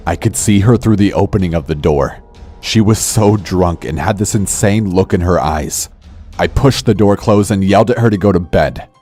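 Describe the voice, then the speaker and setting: Very deep, dark-voiced male narrator. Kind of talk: scripted horror story narration. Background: faint music.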